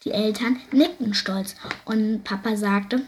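A woman reading a children's story aloud with lively expression. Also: mid-range voice, slow pace, a little hiss or hum.

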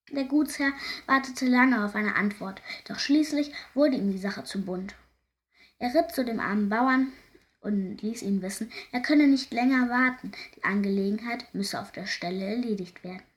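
A woman narrating a folk fairy tale in a lively, expressive way. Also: medium pitch. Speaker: storyteller.

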